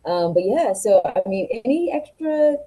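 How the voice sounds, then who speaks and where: A woman co-hosting a casual livestream chat as a board member, lively and affirming, reading out viewer comments. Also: medium pitch, moderate pace, rough recording.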